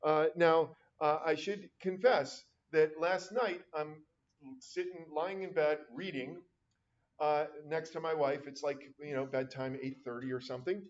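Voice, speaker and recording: A man's voice: a little high, fairly even intonation, measured pace. A middle-aged man teaching a math class, chatting casually with wry, rambling asides. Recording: dull lo-fi classroom recording.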